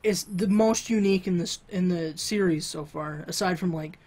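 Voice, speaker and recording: A man's voice: sits high, normal speed, darkish tone, slight background noise. A man co-hosting a video game podcast, talking casually and rambling, with lots of fillers and restarts. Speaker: podcast co-host. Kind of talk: casual chat.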